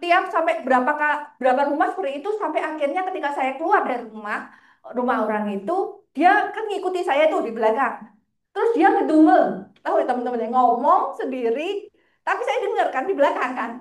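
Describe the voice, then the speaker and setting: A woman, a financial planner telling lively stories in a casual interview, often laughing. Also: sits high, fast. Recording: roomy echo.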